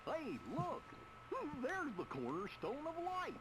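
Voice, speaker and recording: A man playing an exaggerated, gravelly animal character in the style of a 1930s cartoon, through an old-timey audio filter. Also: very high-pitched, huge pitch swings, takes it slowly, background noise, exaggerated voice. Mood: excited.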